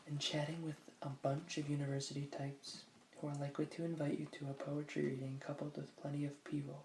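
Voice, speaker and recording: A person whispering softly in an ASMR style, reading aloud from a book slowly, with musing asides. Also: medium pitch, roomy sound, a little hiss or hum, rough recording. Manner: slow, musing asides between read passages. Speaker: ASMR host.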